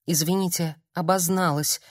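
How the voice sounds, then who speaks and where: A woman reading an audiobook, voicing a distraught grown woman who shouts hoarsely at a visitor at her door. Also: fairly low pitch, slow, dry recording, clean studio sound, exaggerated voice. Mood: cold. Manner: hoarse, shrieking outbursts.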